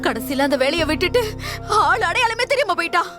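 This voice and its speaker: A woman's voice: very high-pitched, very animated, over music. An actress playing a crying woman telling how her father once worked in a hospital ward. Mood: tearful. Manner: tearful, halting. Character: grieving woman recounting her father's past. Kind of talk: dubbed film drama.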